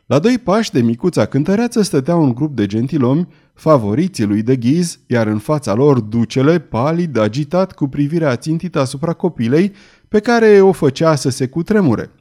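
A man narrating a historical novel in an expressive, theatrical reading style. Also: fairly high pitch. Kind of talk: dramatic audiobook narration.

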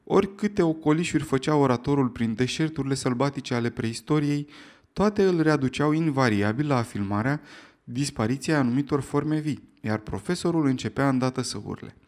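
A man narrating an audiobook in a steady storytelling delivery. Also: medium pitch.

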